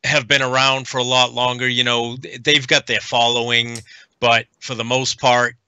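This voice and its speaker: Middle-aged man from the United States, podcast guest, earnest, halting delivery, very forceful tense tone, dry close sound. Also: medium pitch, flat delivery, clear, resonant tone, dry recording, highs cut off. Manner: earnest, halting with frequent pauses. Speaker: guest, veteran nonprofit advocate. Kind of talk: casual podcast conversation.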